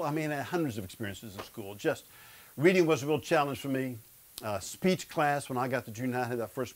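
A fairly high, fairly bright voice belongs to a man in his fifties delivering a humorous sermon live. Speaking for a men's Bible study, he stands on an indoor studio stage with a lapel mic, facing a seated audience. He stutters and pokes fun at it.

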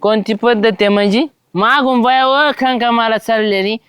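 A man playing a tipsy, quarrelsome village man who dodges a debt, with a loud, bickering manner. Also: extremely high pitch, fairly even intonation, normal speed, clear, resonant tone, no room sound, studio quality. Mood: arguing. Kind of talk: village comedy web series.

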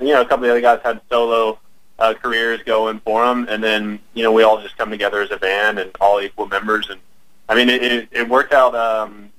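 A man's voice: lowish voice, fairly bright tone, no echo. A young man in his twenties, a band member talking in an easygoing way as a radio guest, with lots of fillers. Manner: easygoing, chuckling, filler-heavy. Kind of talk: casual interview by phone. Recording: phone call line.

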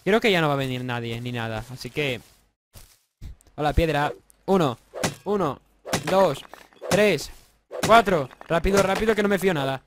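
Brief: young adult male gamer, Spain accent, high and very animated, slightly stuffy from a cold, casual let's-play on a home mic with faint hiss. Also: moderate pace, long pauses. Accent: Spanish from Spain. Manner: excitable, swearing, joking, bursts into yells. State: slightly congested, sore throat. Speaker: gaming YouTuber.

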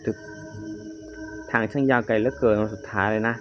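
A man's voice: on the low side, steady tone, fairly quick. A man doing casual commentary on a horror game as he plays, jumpy, exclaiming often and swearing freely. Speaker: game streamer. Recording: somewhat dull lo-fi audio with loud game music. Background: horror game music and sound effects.

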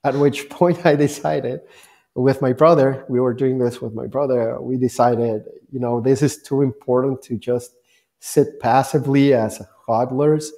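A man in his forties from Guatemala, a company founder speaking as a guest on a video call with an earphone mic, telling his story in a relaxed way with plenty of fillers. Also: mid-range voice, a little slow, creaky. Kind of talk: conversational interview answers. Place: bright office room, indoors.

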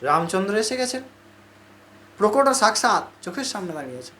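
Man, high-pitched, devotional storytelling sermon, conversational, repeats phrases. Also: sing-song, brisk, sharp tone. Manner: conversational, repetitive, acts out the characters. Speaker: religious storyteller.

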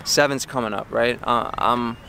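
A man's voice: mid-range voice, steady tone, normal speed, vocal fry, bright, forceful tone. A young adult man chatting casually on a vlog, making jokey, mock-cocky excuses. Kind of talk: casual chat, sports challenge vlog. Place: outdoor basketball court and car. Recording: wind and outdoor street noise.

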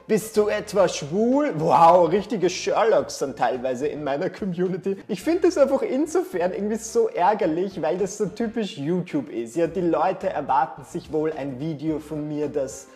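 A man's voice: on the high side, animated, moderate pace, hardly any pauses, darkish tone. Young man, YouTuber, dry sarcastic delivery, close lapel sound in a small room, light music under. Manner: sarcastic, exasperated, theatrical. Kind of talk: casual vlog talk to camera. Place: small bright room indoors. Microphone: lapel mic.

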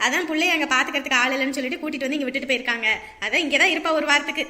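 Woman doing a fierce old granny, high and fast, echoey reverby sound. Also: bright, forceful tone. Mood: chatty. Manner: scolding, rapid, emphatic calls. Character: outspoken elderly village grandmother, fiercely protective. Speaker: grandmother in a comedy skit. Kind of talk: village comedy skit acting.

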